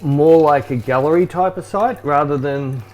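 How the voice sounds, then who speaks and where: Laid-back Australian man, slightly high voice. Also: moderate pace, a little mellow. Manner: laid-back, rambling, laughs easily. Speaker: photographer hosting a live stream. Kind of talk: casual chat while cooking. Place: home kitchen in a wooden cabin.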